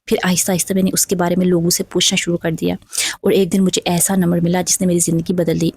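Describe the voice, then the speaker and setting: A woman's voice: lowish voice, level tone, darkish tone, a little hiss or hum. A woman telling an emotional first-person story in a dramatic, sorrowful way. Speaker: narrator.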